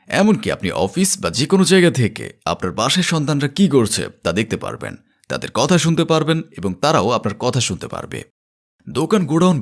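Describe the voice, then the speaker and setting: A man with a Bangladeshi Bengali accent reads a scripted infomercial sales pitch in a persuasive, promotional manner. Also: vocal fry. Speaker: advertisement narrator.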